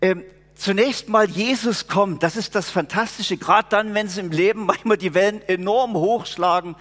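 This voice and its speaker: A man's voice: high voice, normal speed, fairly bright tone. A preacher, explaining scripture in an earnest, conversational sermon. His voice carries a long reverb through a church.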